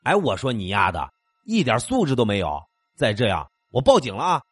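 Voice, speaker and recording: A man's voice: mid-range voice, huge pitch swings, brisk, no room sound, studio quality, soft background music. A man voicing an angry young male tenant who scolds his noisy neighbor in a horror story. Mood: exasperated.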